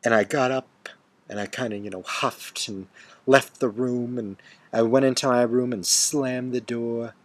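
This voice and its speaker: A man telling a bitter story in an angry rant, swearing and swinging from hushed seething to loud outbursts. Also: mid-range voice, steady tone, a little slow, no room sound. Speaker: storyteller ranting to camera. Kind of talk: angry first-person rant.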